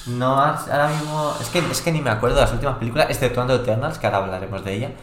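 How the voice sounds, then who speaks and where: A man's voice: mid-range voice, racing, fairly bright tone, reverberant, slight background noise. A man with a Spanish accent co-hosting a podcast, chatting casually in an exclamatory, rambling way and often restarting his phrases. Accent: Spain Spanish. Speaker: podcast co-host. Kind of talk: casual chat.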